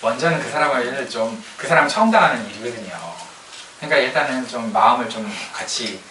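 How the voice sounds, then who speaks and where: A man preaching a sermon as a pastor, in a lively, colloquial way, sometimes acting out what people say. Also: medium pitch, a little fast, noisy background. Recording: roomy hall sound, distant mic, faint ambience.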